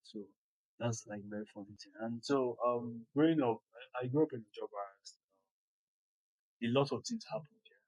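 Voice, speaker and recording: A man's voice: mid-range voice, moderate pace, a little mellow, no room sound, low-quality recording. A young Nigerian man with a Nigerian accent, talking as an interview guest in a hesitant way, full of ums and restarts. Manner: hesitant, many ums and repeated words. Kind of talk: casual interview chat.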